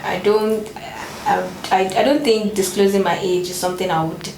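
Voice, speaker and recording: A young woman co-hosting a casual chat, getting animated and going higher when she makes a point. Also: normal speed, echoey room, background noise. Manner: animated, rises in pitch when making a point. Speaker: co-host.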